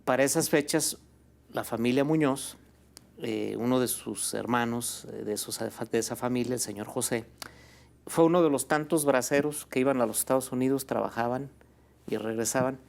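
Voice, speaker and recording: A Mexican man with a gravelly, creaky voice tells a long story as a guest in a conversation. He speaks in a relaxed, chatty way, often pausing on fillers and asking "¿no?" at the end of his phrases. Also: medium pitch. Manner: relaxed, fills with "este" and "pues", ends phrases with "¿no?". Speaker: guest, birria restaurant owner.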